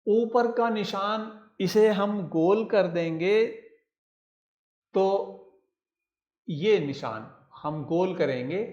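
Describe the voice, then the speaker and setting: Man, teacher, children's lesson, patient step-by-step spelling, unhurried, fairly high voice, echoey room. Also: darkish tone, muffled recording. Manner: patient, repeats letter names step by step. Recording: roomy echo.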